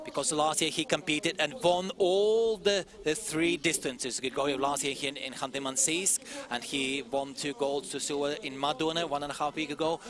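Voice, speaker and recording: A male race commentator speaks in a fairly high voice over a clearly audible crowd. His live delivery is halting and hesitant, broken by frequent pauses as he searches for words. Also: fairly even intonation. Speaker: sports commentator. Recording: crowd noise behind the voice. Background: sports event crowd.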